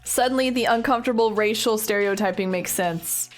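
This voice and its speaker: A young woman streaming a video game, reacting excitably, laughing often and swearing playfully. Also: medium pitch, brisk, faint music behind. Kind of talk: casual game-stream commentary.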